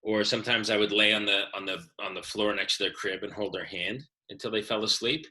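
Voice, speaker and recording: A middle-aged man with a very bright, ringing tone talks casually on a podcast. He gives steady, fatherly advice about raising small children. His delivery is firm and practical. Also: lowish voice, a little fast, low-quality recording. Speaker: podcast co-host. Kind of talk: casual chat.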